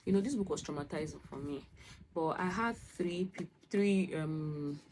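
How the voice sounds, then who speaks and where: A woman's voice: sits low, normal speed, a little mellow, a little hiss or hum, low-quality recording. A young woman chatting casually about books she read, laughing often and trailing off mid-sentence before starting again. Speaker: book vlogger. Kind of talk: casual book review chat.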